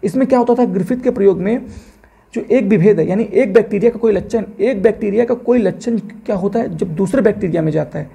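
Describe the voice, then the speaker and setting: Male teacher, exam-prep biology lecture; fast, husky, raspy delivery, repeats terms and quizzes the class rhetorically. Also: high voice, warm tone.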